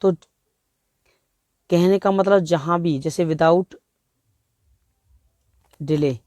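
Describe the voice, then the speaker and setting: Slow, measured Indian male grammar teacher. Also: on the high side, a little mellow, no echo, studio quality. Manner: slow, explanatory, reads example sentences word by word. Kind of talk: exam-prep grammar lesson.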